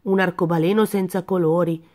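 A woman voicing a practical, take-charge tiger in a children's storybook reading, in a brisk, raised voice. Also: lowish voice, steady tone, warm tone, natural voice. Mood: decisive.

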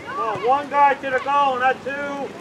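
A man calls out short, shouted instructions to soccer players. His pitch is extremely high for a man. He is recorded outdoors with clear rainy field noise. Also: fairly even intonation, a little slow, dull audio.

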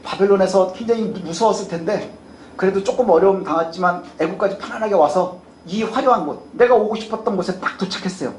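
A man delivers a sermon with a high-pitched voice, questioning his listeners as he goes. He puts on the pleading tone of people praying. The recording is roomy and echoey, with a faint hiss underneath. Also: fast, darkish tone. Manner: asks the congregation questions, acts out prayers in a higher voice. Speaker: pastor.

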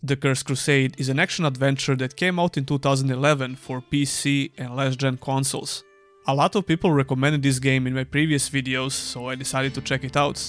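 A young man giving a scripted, dryly sarcastic voice-over review of an old game. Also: medium pitch. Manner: dry, sarcastic. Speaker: gaming YouTuber.

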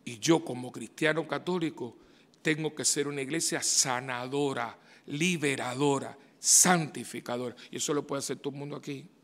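Priest preaching in a reverberant church. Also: male voice, mid-range voice, normal speed. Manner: conversational preaching with rhetorical questions and sudden loud outbursts. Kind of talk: homily.

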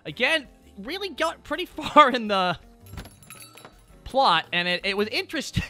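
An excitable man chats on a casual stream, his voice high and swinging widely in pitch. The tone is very bright and ringing. He swears freely and keeps laughing as he talks. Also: unhurried, faint music behind. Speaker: VTuber streamer.

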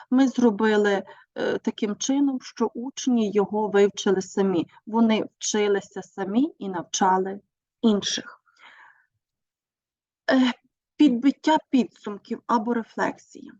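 A woman teacher giving a measured presentation on her teaching methods, pausing often with hesitations. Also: a little high, darkish tone, no room sound. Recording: dull, dry recording.

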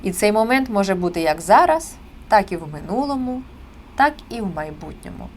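A lively woman teaching Spanish. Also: medium pitch, a little fast, a little hiss or hum. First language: Ukrainian. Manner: explains step by step, animated stresses on key words. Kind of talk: online language lesson.

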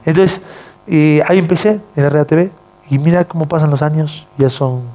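A man with an accent mixing Argentine and Bolivian Spanish, a TV news presenter telling stories as a guest in a casual interview, animated and acting out the voices of the people in his stories. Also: on the high side, moderate pace. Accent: mixed Argentine and Bolivian Spanish. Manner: animated, acts out quoted voices.

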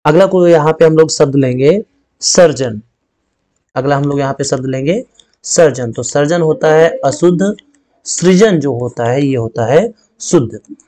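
A man whose voice is a little high, a little slow, and warm leads a Hindi spelling lesson. He breaks it down step by step, pronouncing each word twice and often tacking on "ठीक है".

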